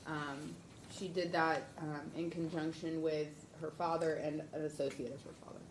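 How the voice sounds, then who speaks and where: In an echoey courtroom with faint noise, a female prosecutor with an American accent delivers a formal statement. Her voice is on the low side, and her delivery is deliberate and halting. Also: flat delivery.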